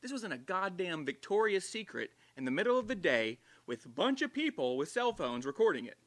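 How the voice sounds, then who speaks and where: Man, livestream co-host, lively bouncing pitch, bright edge, loud and profane. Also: a little fast. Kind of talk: casual livestream chat.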